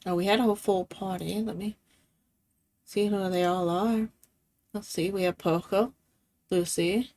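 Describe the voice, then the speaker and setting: A woman's voice: mid-range voice, fairly even intonation, a little slow, pauses often, a little mellow. A woman streaming games, chatting casually, laughing often and swearing freely. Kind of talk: casual game-stream chat.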